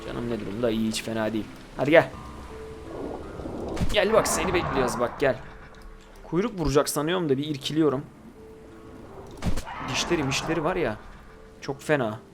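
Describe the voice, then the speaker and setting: A man's voice: mid-range voice, lively intonation, normal speed, pauses often, music in the background. A man hosting casual gameplay commentary, chatting to his viewers and teasing the creatures in the game. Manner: chatty, talks to viewers and to the game creatures, swears when startled. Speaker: gaming video host.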